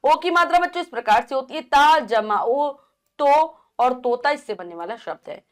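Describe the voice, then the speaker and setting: A woman's voice: high-pitched, sing-song, quick pace. A woman teaching a children's grammar lesson, patiently spelling out letters and asking and answering her own questions.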